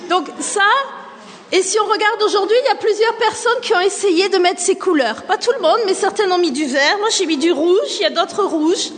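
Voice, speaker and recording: A high-pitched woman with a faint southern French accent leads a group with questions. She repeats the answers back to them. Her voice carries a long hall reverb. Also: moderate pace. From southern France, near Nîmes. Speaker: speaker leading a group activity. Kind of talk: lively group talk with questions.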